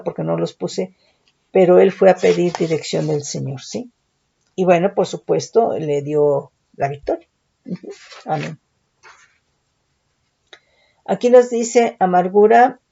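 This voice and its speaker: A woman's voice: mid-range voice, gravelly, mellow, highs cut off. A woman teaching a Bible study, reading verses aloud and explaining them, often checking in with her listeners.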